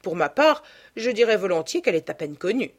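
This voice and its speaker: A woman's voice: medium pitch, sing-song, a little fast, husky. Lady doing a cultured old gent, musing and a bit plaintive, storybook.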